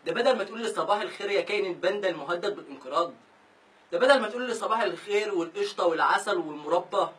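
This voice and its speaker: A young man with an Egyptian accent voicing a clingy, sweet-talking young girlfriend in a soft, syrupy tone, heard from a distant mic. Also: high voice, animated, very fast. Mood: pouting. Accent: Egyptian Arabic.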